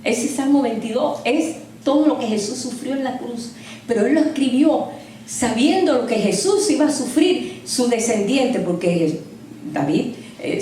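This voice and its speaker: A woman gives sermon-style Bible teaching with a mellow, fairly high voice. She tells the story vividly and acts out the characters' lines. She sounds far from the mic in a very echoey room with faint noise behind her. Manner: storytelling, acts out dialogue, addresses listeners as brother.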